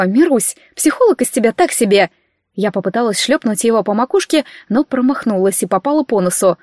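A young woman reading a first-person story aloud with a lively, ironic touch. Her voice sits fairly high, and the recording is dry and close, with no room echo. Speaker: audiobook narrator. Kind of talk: first-person audiobook narration.

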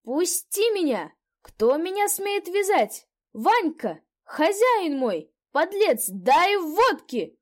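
Woman doing a hoarse belligerent drunk man. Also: very high-pitched, very animated, slow, voice pushed up, heavily acted. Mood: drunken shouting.

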